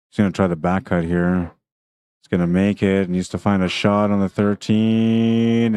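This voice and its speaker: Low, flat-voiced male pool commentator. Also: clean tone. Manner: chatty, thinks aloud about shots. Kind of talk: casual play-by-play commentary.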